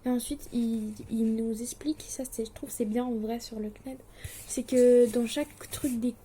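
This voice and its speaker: Teenage girl, from Switzerland, casual vlog chat, higher-pitched voice, hesitant with lots of fillers. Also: steady tone, normal speed, mellow, slight background noise. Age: late teens. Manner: chatty, hesitant, with many fillers and restarts; anxious, self-deprecating. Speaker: distance-learning student vlogger.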